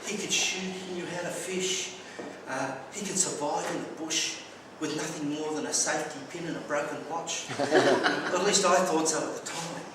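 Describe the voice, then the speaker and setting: An Australian club speaker with a fairly high voice gives a prepared speech of childhood stories, full of dry humour and occasional stumbling repeats. He talks at normal speed with hardly any pauses. Standing far from the mic, he echoes around a very reverberant room over constant clear background noise.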